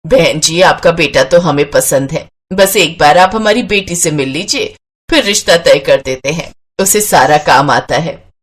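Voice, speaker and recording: Woman putting on a lower slower older mom-in-law voice, storybook, calm. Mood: persuasive. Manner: low, slow, soothing. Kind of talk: storybook character voice.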